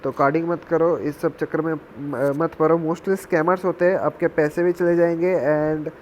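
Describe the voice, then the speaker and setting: A man's voice: a little high, little pitch movement, normal speed, a little mellow. A young man telling a casual warning story in a vlog. He is chatty, drops in English phrases, and keeps calling his listeners "bhai". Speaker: gaming channel creator. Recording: slightly dull audio with faint background noise.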